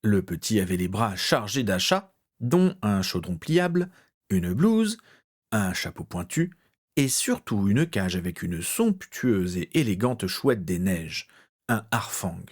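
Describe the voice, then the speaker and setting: A man narrating a story in an expressive, dramatic reading style. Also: on the low side, takes it slowly. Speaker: audiobook narrator.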